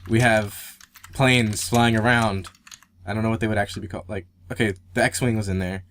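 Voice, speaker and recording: A young man with a lowish voice co-hosts a casual gaming podcast. He rambles with excitement and trips over his words. He keeps restarting his sentences as he talks. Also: brisk, slight background noise. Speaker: podcast co-host.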